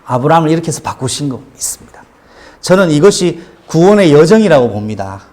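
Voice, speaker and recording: A middle-aged male pastor preaching a sermon, telling his own testimony with animated storytelling. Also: fairly high pitch, fast. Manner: animated storytelling testimony, acting out quoted cries.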